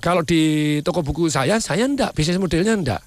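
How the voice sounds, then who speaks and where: A middle-aged man, a business owner, telling folksy, animated stories in casual talk. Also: a little high, moderate pace, no echo.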